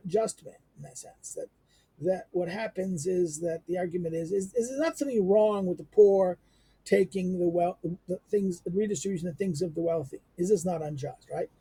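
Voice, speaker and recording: A middle-aged man giving an unscripted lecture on a text, halting with many fillers, restarts and rhetorical questions. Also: high voice, mellow, breathy edge, no echo.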